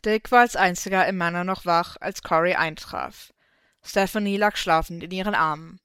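A woman narrates a fan story in a steady, even storytelling manner. Her voice is smooth and clear, recorded close with a dry, roomless sound. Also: fairly low pitch, moderate pace, no echo. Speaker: fanfiction reader.

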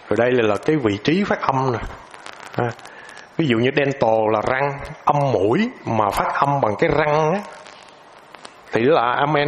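A man explains a lesson in a loose, informal way. He hesitates often and repeats filler words while he searches for the next point. His voice sits at an ordinary middle pitch, with a faint hiss underneath. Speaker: teacher.

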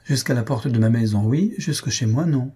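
A man reading aloud and voicing an earnest young woman who explains herself calmly. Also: mid-range voice, normal speed, slightly rough. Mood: explaining. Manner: calm, explaining, a little amused.

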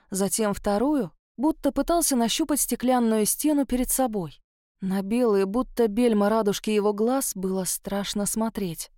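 A woman narrating a first-person novel in an expressive reading voice. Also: fairly high pitch, dry recording, studio quality. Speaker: audiobook narrator.

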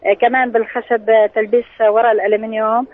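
High, even-toned Syrian craftswoman. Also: rapid-fire, no room sound. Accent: Syrian Arabic. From Tartus, Syria. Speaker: handicraft maker being interviewed. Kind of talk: live radio interview answers. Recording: muffled narrow-band radio line.

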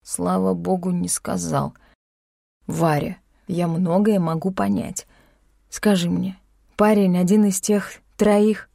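A man's voice: sits high, steady tone, takes it slowly, vocal fry, warm tone, no echo, studio quality, full character voice. A woman narrator voicing an anxious male doctor in an audiobook, pleading and insistent with a young woman.

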